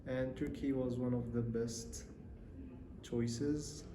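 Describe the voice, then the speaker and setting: A young man from Syria, a student, answering interview questions in a relaxed, hesitant way with many pauses and fillers. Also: mid-range voice, noisy background. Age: young adult. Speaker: interview guest, university student. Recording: roomy echo, faint ambience.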